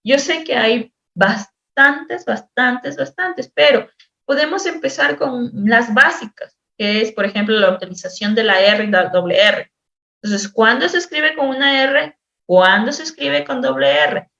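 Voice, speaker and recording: A woman teacher with a fairly high voice lectures on spelling rules, repeating herself and stretching sounds slowly to show them. The recording is roomy and echoing, with a dull, lo-fi sound. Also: animated, sharp tone. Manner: explanatory, repeats words, exaggerates sounds slowly as examples. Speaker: teacher-therapist. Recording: echoey room, dull lo-fi sound.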